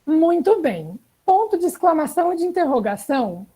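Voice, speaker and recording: A woman's voice: extremely high pitch, sing-song, moderate pace, warm tone, poor audio. A young woman with a Brazilian Portuguese accent teaching an online writing class in a chatty way, often checking in with the students. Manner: chatty, frequent "né?" and "tá?" check-ins.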